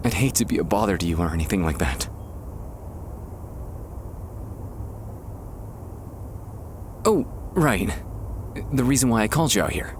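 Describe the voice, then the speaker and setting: With a voice on the low side and a very animated delivery, a man acts as a nervous, tender young man, the listener's childhood best friend, in an intimate ASMR boyfriend monologue. His speech is hesitant and halting, marked by trailing pauses. The recording carries faint, soft ambience from an outdoor park.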